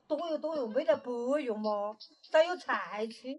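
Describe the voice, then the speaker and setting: An elderly village woman of about seventy speaks in Sichuan dialect. Her voice sits fairly high for a woman. She answers casually and plainly, in short colloquial turns. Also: normal speed, a little mellow. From rural Sichuan, near the Guizhou border. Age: around 70. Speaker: villager being interviewed. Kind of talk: casual chat.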